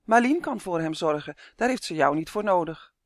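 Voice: medium pitch, expressive, normal speed, no room sound, studio quality, lightly acted. A reader voicing a firm, sensible woman who explains plainly and scolds. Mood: scolding.

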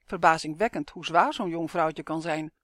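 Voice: mid-range voice, normal speed, a bit bright, dry recording, studio quality, close to an everyday voice. A reader voicing a friendly but eerie elderly male neighbor who speaks mildly and matter-of-factly. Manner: mild, matter-of-fact, oddly cheerful. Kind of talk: audiobook character voice.

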